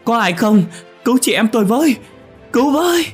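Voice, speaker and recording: A man's voice: low voice, moderate pace, slightly rough, faint music behind. A man voicing two terrified young women in a horror audio story, pleading and screaming.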